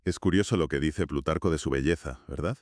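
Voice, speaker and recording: A man with a very low voice co-hosts a relaxed history podcast. He is reflective, moving the talk forward with questions and short summaries. The sound is dry and close. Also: fairly quick, no room sound. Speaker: podcast co-host asking questions.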